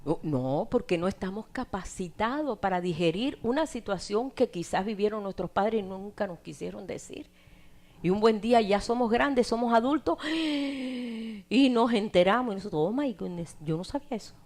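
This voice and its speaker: A middle-aged woman preaching a sermon, swinging from loud emphatic lines to hushed, near-whispered asides. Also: mid-range voice, expressive, normal speed.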